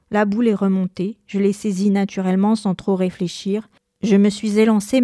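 A woman reading a first-person novel aloud in a measured, expressive narrating style. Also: mid-range voice, no echo, clean studio sound. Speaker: reader.

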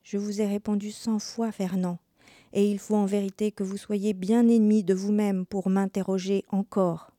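A woman's voice: medium pitch, flat delivery, moderate pace, mellow, no room sound, clean studio sound, natural voice. A woman reading a firm, cool young woman. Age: young adult.

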